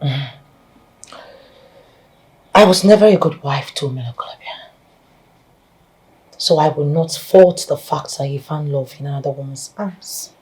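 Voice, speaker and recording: A woman's voice: deep voice, measured pace, pauses often, darkish tone. An actress with a Nigerian accent playing a weary, resigned woman who has just divorced.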